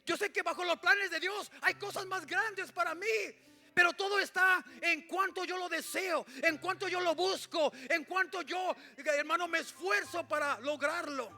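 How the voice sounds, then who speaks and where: A male pastor preaching a sermon in church. He swings between shouted lines and hushed asides and keeps calling out to his congregation. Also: very high-pitched, moderate pace, faint music behind.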